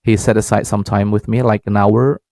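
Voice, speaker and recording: A young man with an Indonesian accent, hosting a podcast in a halting, casual way and laughing easily. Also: fairly low pitch, flat delivery, vocal fry, a little mellow, dry recording. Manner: hesitant, many fillers and restarts, laughs easily. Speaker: podcast host and English learner. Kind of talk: casual practice talk.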